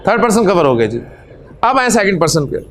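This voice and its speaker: High-pitched man drilling Arabic pronouns. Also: big pitch swings, brisk, noisy background. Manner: drills pronouns in chanted repetition, says "जी" often; gestures with his hands while explaining. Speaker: Arabic teacher. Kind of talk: classroom-style grammar lesson.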